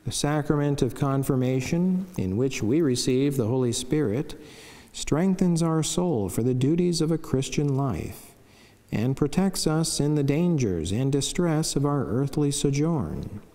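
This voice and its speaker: In a wood-panelled chapel, a middle-aged friar and priest of the Franciscan order reads aloud the scripted life of a saint. His medium-pitched voice is gentle and mellow, with lively intonation, yet the reading stays measured and solemn, and the lectern mic catches a long chapel reverb.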